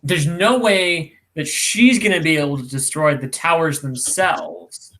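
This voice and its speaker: A man's voice: on the high side, unhurried, fairly bright tone. A man chatting casually as a player in a tabletop game.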